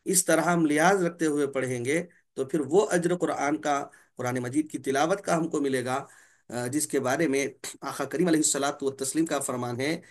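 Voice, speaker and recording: Guy teaching tajweed, fairly high voice, says each letter sound slow and repeats it, keeps clearing his throat. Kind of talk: Quran recitation lesson.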